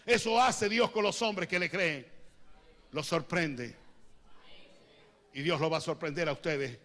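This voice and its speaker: Male pastor, high voice, preaching with sudden drops to a hush, speaks in tongues. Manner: swings from loud preaching to hushed, drawn-out lines. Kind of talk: sermon. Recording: long hall reverb.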